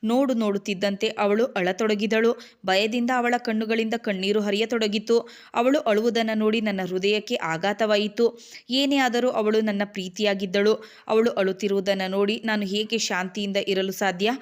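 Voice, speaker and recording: Woman reading out a dramatic story, steady and measured. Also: medium pitch. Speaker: narrator. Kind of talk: scripted story narration.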